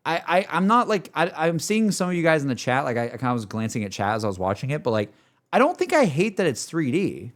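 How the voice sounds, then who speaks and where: Fast and sing-song, this man's voice sits on the high side. He's streaming reactions to game cutscenes over background music, offering loose, slangy takes and qualifying his opinions along the way.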